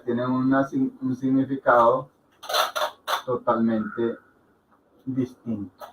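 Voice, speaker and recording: Slow, patient man teaching a class. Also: mid-range voice, dull audio. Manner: patient, repeats words slowly, checks with "¿ok?". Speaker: Hindi teacher. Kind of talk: explaining to a class.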